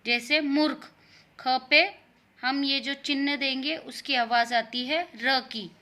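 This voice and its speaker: A woman teaching a Hindi grammar lesson to young children, explaining patiently and repeating words slowly for her pupils. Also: high-pitched, fairly even intonation, sharp tone.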